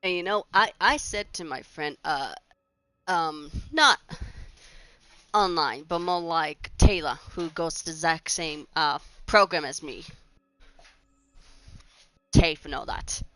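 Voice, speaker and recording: Chatty young woman, bright and clear. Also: deep voice, expressive, slow pace, long pauses, no room sound, rough recording. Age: 20s. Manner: rambling and chatty, with restarts and giggles. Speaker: gaming channel host. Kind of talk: casual gameplay commentary.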